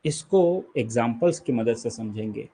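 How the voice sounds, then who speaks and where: This Indian man's voice is mid-range, mellow and slightly rough, animated and moderately paced, with an Indian English accent. Teaching an online exam-prep lecture, he patiently explains and repeats key terms while checking that students keep up.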